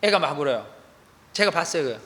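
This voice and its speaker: A man preaching an animated sermon as a pastor, acting out quoted voices with sudden loud outbursts. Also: fairly high pitch, fast. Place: church sanctuary. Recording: long echo of a large hall.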